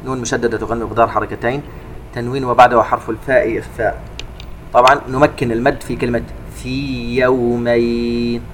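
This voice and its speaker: A man giving a tajweed lesson, calmly explaining recitation rules between slow chanted verses. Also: mid-range voice, slight background noise. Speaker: Quran recitation teacher.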